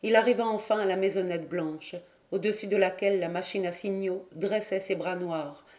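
Mellow-voiced woman reading an audiobook. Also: mid-range voice. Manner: measured, even storytelling. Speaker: audiobook reader. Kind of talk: literary audiobook narration.

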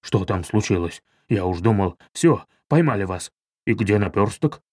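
Man doing a gruff gang boss, low voice, blunt, heavy sighs. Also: animated, moderate pace, no room sound, studio quality. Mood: worried. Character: red-haired gang leader, gruff young man.

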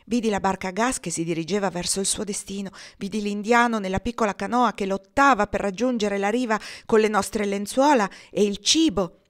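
A woman's voice: mid-range voice, a little fast. Woman reading a storybook aloud. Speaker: reader. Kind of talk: audiobook narration.

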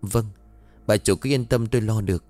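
A loyal, fussy middle-aged maid, voiced by a male storyteller, chiding and reassuring in a low voice. The recording is dry and close, with soft music behind. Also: brisk, no room sound, natural voice. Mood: fussing, reassuring.

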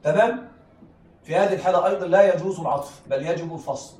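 Fast high-voiced male teacher in echoey room. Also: a little mellow. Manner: keeps checking that students follow, repeats key phrases. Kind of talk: classroom lesson on Arabic rhetoric. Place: classroom with students. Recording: echoey room, heard from a distance, faint noise.

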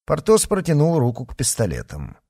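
A man narrating an adventure novel in an expressive, storytelling way. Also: fairly high pitch, a little fast, breathy edge, dry recording, clean studio sound. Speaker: audiobook narrator. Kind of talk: scripted narration.

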